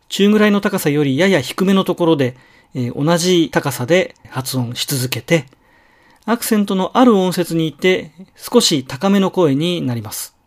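A man teaching pronunciation in a slow, careful lecture, pausing to model single syllables and words. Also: fairly high pitch. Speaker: language teacher.

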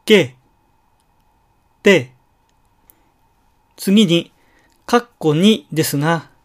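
A man teaching pronunciation in a slow, careful lecture, pausing to model single syllables and words. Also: fairly high pitch. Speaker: language teacher.

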